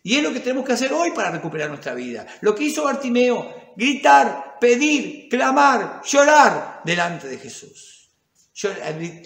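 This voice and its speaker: A man's voice: high-pitched, fairly bright tone, echoey room. A male pastor with a Rioplatense Spanish accent, preaching a sermon in an emphatic, dramatic way with repeated phrases.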